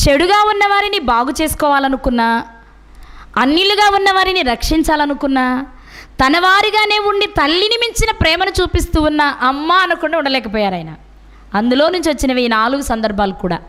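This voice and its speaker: A woman's voice: sits high, fairly bright tone. A middle-aged woman preaching a sermon, asking her listeners question after question. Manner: asks the listeners many rhetorical questions.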